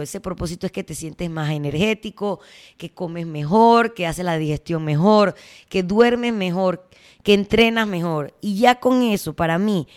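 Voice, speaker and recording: A woman with a Panamanian accent hosting a podcast, talking bluntly in slang with crude jokes. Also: medium pitch. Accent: Panamanian Spanish. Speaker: podcast host. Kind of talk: casual podcast monologue.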